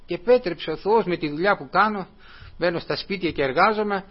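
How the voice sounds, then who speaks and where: A man's voice: high voice, breathy edge. A man preaching a sermon in an earnest, repetitive way, often calling his listeners brothers. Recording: dull lo-fi recording.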